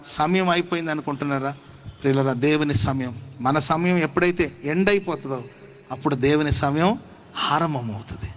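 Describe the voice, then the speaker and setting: A man's voice: a little high, fairly quick, slight background noise. A male pastor preaching a sermon, urging the congregation to clap and respond. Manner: exhorting, call-and-response with the congregation. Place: church service.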